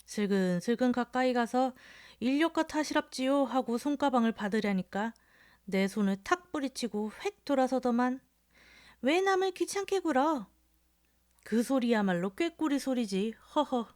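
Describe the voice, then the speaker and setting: A woman voicing a crude, drunken middle-aged male rickshaw puller in a storybook reading, shouting and cursing. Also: on the high side, animated, moderate pace, no room sound, clean studio sound, voice pushed up, natural voice. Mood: mocking.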